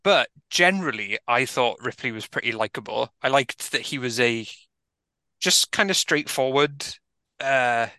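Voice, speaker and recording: A man's voice: medium pitch, lively intonation, unhurried, pushed and bright, no room sound. A man with a South Wales accent co-hosting a casual film-review podcast, rambling, swearing and laughing often. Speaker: podcast co-host.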